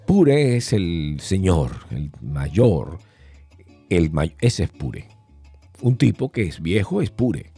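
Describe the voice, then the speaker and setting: A middle-aged man with a Venezuelan accent talks through his podcast in a playful, rambling way, slipping into voices for the slang he explains. His voice is deep and dark with a husky grain. Pitch leaps around lively, and soft guitar music plays underneath. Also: slow. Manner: playful, jumps between topics, acts out quoted slang voices. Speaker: podcast host. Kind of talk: casual monologue podcast.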